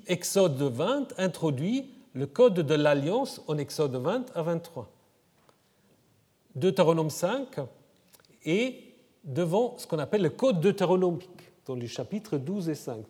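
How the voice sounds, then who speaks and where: Male lecturer, slightly high, mellow voice, conversational, recorded in a long-reverb hall. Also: breathy edge. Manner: conversational, frequent "hein?" tag questions. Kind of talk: academic lecture.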